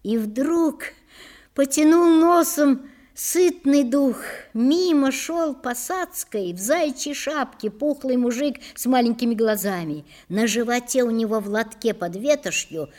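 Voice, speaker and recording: A woman narrating a historical audiobook with expressive storytelling. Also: sits high, measured pace.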